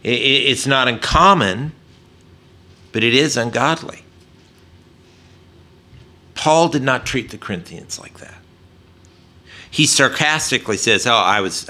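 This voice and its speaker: A man preaching a sermon in an earnest tone, with frequent "uh" fillers and points he drops low and soft for emphasis. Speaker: pastor.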